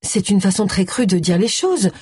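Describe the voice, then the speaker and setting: A woman voicing a young woman in an audiobook reading, lively and a touch husky. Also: mid-range voice, moderate pace, dry recording, studio quality. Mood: firm.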